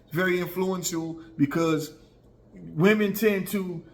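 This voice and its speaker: With a high voice and a measured pace, this American online commentator in his early forties gives viewers his casual opinions. His style is conversational, with repetition for emphasis and frequent check-ins with listeners.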